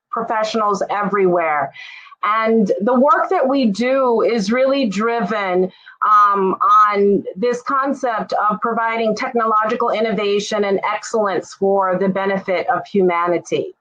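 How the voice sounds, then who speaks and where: A woman from Jamaica giving an informal, friendly presentation on a webinar, often pausing with "um". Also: on the high side, muffled recording. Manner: friendly, relaxed, lots of "um" fillers. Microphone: video call.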